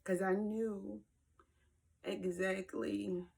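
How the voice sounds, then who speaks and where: A woman speaking slowly and earnestly in a personal vlog, emotional and near tears, repeating words for emphasis, filmed on her own camera at home. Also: medium pitch, little pitch movement, creaky, a little mellow. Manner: slow, heartfelt, emphatic repetition. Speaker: vlogger. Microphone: handheld camera.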